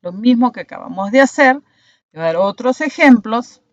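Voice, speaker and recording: A woman's voice: on the high side, animated, moderate pace, no echo. Woman teacher explaining grammar, dull lo-fi sound. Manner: explanatory, checks understanding with frequent "¿no?". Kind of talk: online grammar class.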